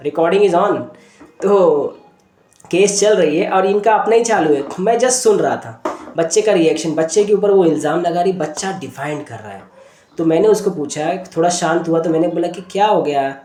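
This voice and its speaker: A man, a homeopathic doctor, teaching through a patient case story in an unhurried way, often pausing to check in with his listeners. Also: sits high, warm tone, echoey room, a little hiss or hum.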